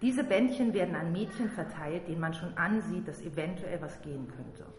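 A woman's voice: on the low side, normal speed, a little mellow, slight background noise. Blunt woman reading in a reverberant room. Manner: blunt, crude first-person reading. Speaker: reader. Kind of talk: reading a first-person memoir aloud. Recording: roomy long reverb with faint ambience.

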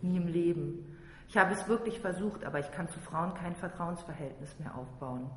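A woman's voice: fairly low pitch, normal speed. Blunt woman reading in a reverberant room. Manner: blunt, crude first-person reading. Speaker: reader. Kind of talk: reading a first-person memoir aloud. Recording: roomy long reverb with faint ambience.

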